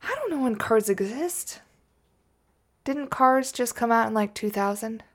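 A woman's voice: fairly high pitch, animated, unhurried. A woman co-hosting a casual true-crime podcast, rambling and joking and laughing often as she tells the case. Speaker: podcast co-host.

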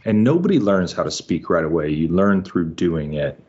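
Deep-voiced father explaining step by step. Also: animated, moderate pace, a little mellow. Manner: methodical, lots of "uh" and "right?". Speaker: homeschooling father, interview guest. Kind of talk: explaining in an interview. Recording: muffled lo-fi audio.

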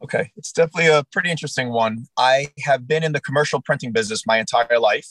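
A man's voice: mid-range voice, quick pace, no echo, rough recording. A man with a New Jersey accent, a restaurant owner telling his story in a casual interview and acting out the dialogue. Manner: animated storyteller, acts out quoted dialogue.

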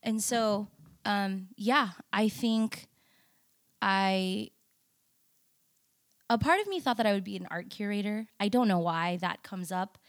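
A young adult woman, a podcast guest who works as a nurse and photographer, talking reflectively with many pauses and ums. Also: mid-range voice, no room sound, studio quality. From United States. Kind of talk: casual interview conversation.

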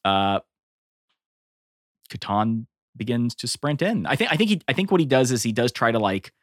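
A man's voice: mid-range voice, normal speed, dry recording, studio quality. A man chatting casually and joking as a player in a tabletop role-play game. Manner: chatty, jokey, animated. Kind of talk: casual gaming chat.

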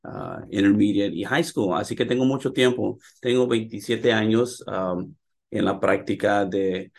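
A middle-aged chiropractor, born in California and raised in Houston, guests on a Spanish-language radio interview, speaking hesitantly with lots of fillers. His voice is low and gravelly, unhurried, with fairly even intonation.

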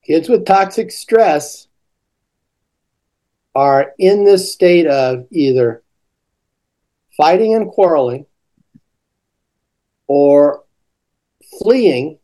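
An older man, a teaching coach, explaining classroom ideas slowly in a relaxed podcast conversation. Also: fairly high pitch.

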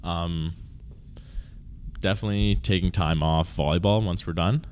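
A man in his early twenties, a university volleyball player, answering interview questions casually and haltingly, often restarting and trailing off. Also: low voice, fairly even intonation, a little hiss or hum. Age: 20s.

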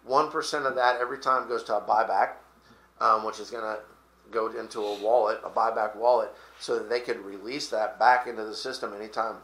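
A man with a bright, forward voice hosts a loose talk show and explains things in a rambling way, full of "um"s and restarts. The room around him is echoey. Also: on the low side, fairly even intonation, a little fast. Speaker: podcast host. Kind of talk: casual crypto talk show chat.

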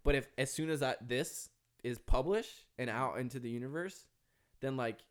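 A man's voice: mid-range voice, moderate pace. A man with a Minnesota accent speaking earnestly and reflectively as an author guest in a podcast conversation. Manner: earnest, philosophical, emphatic.

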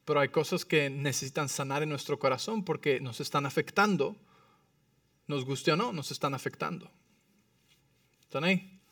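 A man with a fairly high voice delivers a sermon from a pastor's pulpit. He keeps checking in with the congregation and moves between hushed asides and emphatic lines. He sounds set back from the microphone, in a dry, unreverberant space. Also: moderate pace, long pauses, no echo, recorded from a distance. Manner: frequent tag questions to the congregation. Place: church.

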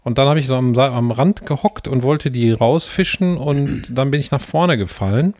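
A young man co-hosting a casual podcast, telling a story from his childhood in a relaxed way. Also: mid-range voice, normal speed, dry recording, clean studio sound. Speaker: podcast co-host. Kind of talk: casual chat.

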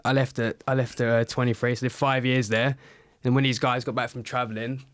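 A man speaks in a casual, colloquial way as a guest in an interview. His pitch is average and the sound is dry. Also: little pitch movement, fairly quick, fairly bright tone, no room sound. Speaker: podcast guest, chef.

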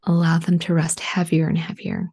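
A woman leading a guided relaxation in a soft, soothing spa whisper, hushed, breathy and gentle. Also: deep voice, huge pitch swings, normal speed.

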